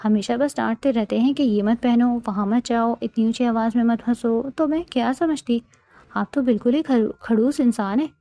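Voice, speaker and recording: A woman's voice: a little high, dark tone, no room sound, natural voice. A woman voicing a stubborn, innocent young bride in a storybook romance, talking in a pouty, defensive way.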